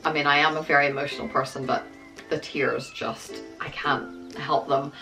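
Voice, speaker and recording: Over music, a middle-aged American-born woman vlogger chats casually to the camera, her American accent carrying a touch of Scottish. Her voice is low and steady at a normal speed, and she's self-deprecating, with plenty of ums.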